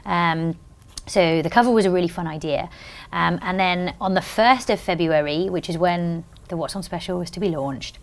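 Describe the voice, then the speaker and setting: A British woman, a magazine editor, chatting as a guest in a lively interview, bubbly and full of quick restarts. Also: lowish voice. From Britain. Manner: bubbly, tumbling storyteller with many restarts.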